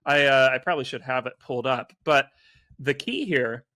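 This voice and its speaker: A man co-hosts a sports podcast, chatting casually and rattling off stats in quick, animated bursts with frequent fillers. His voice is mid-range, captured in studio quality with no echo.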